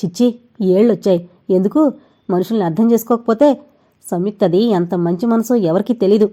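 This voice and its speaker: A hot-tempered middle-aged doctor argues with his mother, quick and irritated as he tries to swallow his anger, voiced by a woman reading an audio novel. The voice stays close to the reader's own, mellow and soft-toned. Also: medium pitch, lightly acted. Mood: irritated arguing. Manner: irritated, holding back anger, shouting.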